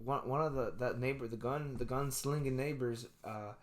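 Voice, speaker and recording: A man's voice: mid-range voice, moderate pace. A young man co-hosting a podcast, telling stories in a loose, profane way and dropping Spanish slang. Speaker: podcast co-host. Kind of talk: casual chat.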